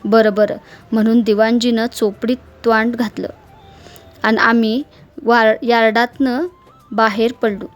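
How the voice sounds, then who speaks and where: A woman narrates a rustic short story at a steady pace. Her voice sits slightly high, and soft music runs quietly behind her. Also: a little slow. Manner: steady, dialect-flavoured narration.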